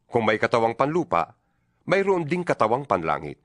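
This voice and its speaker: Over a music bed, a Filipino-accented man performs an apostle exhorting believers in an oratorical dramatized Bible reading, solemn and emphatic. His medium-pitched voice is very animated and fairly bright at a moderate pace, recorded with studio quality and no room sound.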